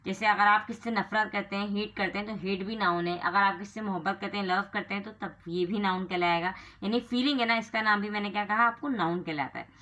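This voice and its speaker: Bright-voiced woman teaching grammar. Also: mid-range voice, steady tone, a little fast, few pauses. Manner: asks rhetorical questions and answers them herself; mixes English terms into explanations. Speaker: English teacher. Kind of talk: classroom lecture.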